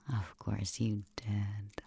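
Slow, mellow whispering woman. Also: a bass voice, slight background noise. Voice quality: breathy whisper throughout. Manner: slow, teasing, dominant murmuring close to the ear. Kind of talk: whispered ASMR roleplay.

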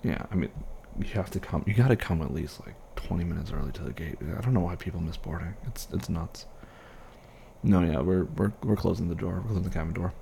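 Guy acting chill airline pilot chatting to his copilot, low creaky voice, halting casual role-play. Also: mellow, a little hiss or hum. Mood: easygoing. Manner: casual, halting, reassuring co-worker chat. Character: chatty easygoing male airline pilot in the cockpit. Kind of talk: improvised one-sided role-play conversation.

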